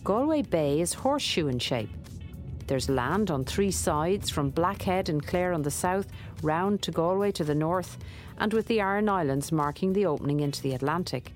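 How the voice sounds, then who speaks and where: A woman's voice: fairly low pitch, animated, normal speed, faint music behind. An Irish-accented woman reading scripted narration for a documentary.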